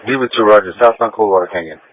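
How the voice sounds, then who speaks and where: A man's voice: fairly low pitch, racing, dry recording. A man, a police officer in the field, giving terse, matter-of-fact reports over the police radio. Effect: police radio transmission. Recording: muffled dry radio audio.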